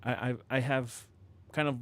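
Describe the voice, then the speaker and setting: Here a man's mid-range, fairly bright voice moves at normal speed with fairly even intonation. Hosting a model-kit livestream from home, he chats casually and ramblingly, full of restarts and fillers and frequent chuckles, right up on a studio mic with proximity effect.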